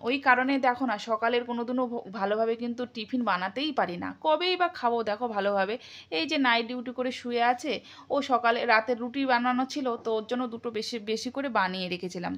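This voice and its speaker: A woman in her thirties from India with a Bengali accent, chatting to her viewers as she narrates a home vlog from her kitchen. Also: on the high side. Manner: chatty, talks to viewers directly; sometimes speaks softly so a sleeper is not woken. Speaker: vlogger.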